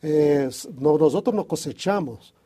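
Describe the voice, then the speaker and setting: Guy, fairly high for a man, hesitant bible chat, warm and husky. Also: lively intonation, measured pace. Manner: hesitant, restarts often, thinks aloud. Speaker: Bible study co-host. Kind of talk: casual religious discussion.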